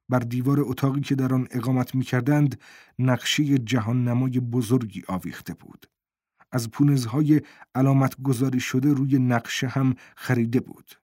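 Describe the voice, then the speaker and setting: A man narrating a novel in a steady storytelling voice, recorded close on a studio microphone. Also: medium pitch, husky, dry recording. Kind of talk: audiobook narration.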